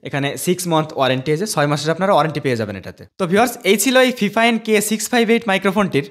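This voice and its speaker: A man's voice: sits high, lively intonation, rapid-fire, a bit bright. A man explaining a microphone setup and sound test to his viewers, recorded on a desk microphone. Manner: explanatory, addresses viewers directly. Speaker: tech reviewer. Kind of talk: product review and sound test. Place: at a desk indoors. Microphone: desk USB dynamic microphone on an arm stand.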